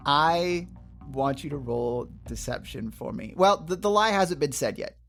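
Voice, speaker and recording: A man narrating a tabletop game as game master, describing scenes in a halting, deliberate way. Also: on the high side, lively intonation, fairly bright tone, faint music behind.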